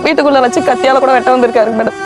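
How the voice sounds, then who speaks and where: A woman's voice: high voice, steady tone, very fast. A woman pleading her case on a TV family dispute show, adding a respectful "madam" to nearly every sentence. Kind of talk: emotional testimony on a TV show. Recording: TV audio with music laid over.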